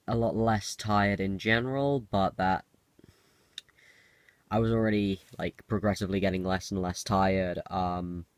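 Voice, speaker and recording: A young man talks in a low, gravelly voice, roughened slightly by a cold. He gives a casual video-diary update, hesitating and doubling back on himself as he rambles. The recording is close and dry. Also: no echo. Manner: hesitant, self-interrupting. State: has a cold. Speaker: video diarist.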